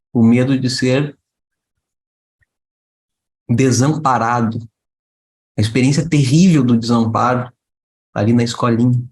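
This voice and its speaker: A man giving a lively spiritual talk to a group, asking rhetorical questions and briefly acting out a child and a mother. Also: mid-range voice, roomy sound. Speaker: spiritual teacher.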